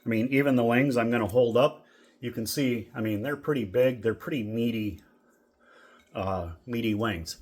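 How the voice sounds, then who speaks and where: A middle-aged man from Minnesota casually reviewing food in a relaxed, rambling vlog with lots of fillers. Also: mid-range voice, moderate pace. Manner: rambling, easygoing, with many fillers. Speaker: vlogger.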